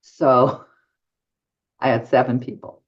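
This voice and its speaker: A woman's voice: extremely low pitch, flat delivery, slow. An older woman, a medium guesting on an interview show, tells stories and acts out both sides of each conversation. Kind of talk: anecdotal storytelling in a podcast interview. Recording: dull lo-fi audio.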